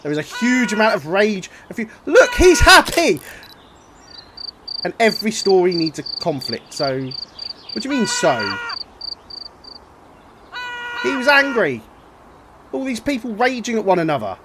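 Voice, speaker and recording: A man commentating his own playthrough of a game in an animated, joking, self-mocking way, full of exclamations. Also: sits high, unhurried, long pauses, noisy background. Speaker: gaming video host. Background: game music.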